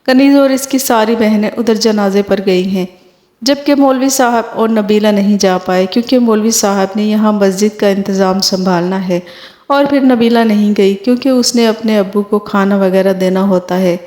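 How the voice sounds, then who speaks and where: A middle-aged mother who scolds her daughter but comforts her too, voiced by a woman storyteller. Her tone is mellow and unhurried. The voice rings in a roomy, echoey space. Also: medium pitch, natural voice. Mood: motherly. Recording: roomy echo.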